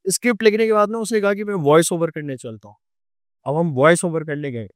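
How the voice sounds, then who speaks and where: A young man with a Delhi Hindi accent telling a true ghost story on a podcast, animated and acting out the scenes. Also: a little high, brisk, no echo, studio quality. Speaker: podcast guest.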